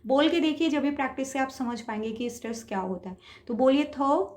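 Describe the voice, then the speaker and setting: A woman's voice: high-pitched, lively intonation, quick pace, darkish tone. A woman teacher giving a patient, step-by-step lecture on speech, mixing in English terms and saying example words aloud.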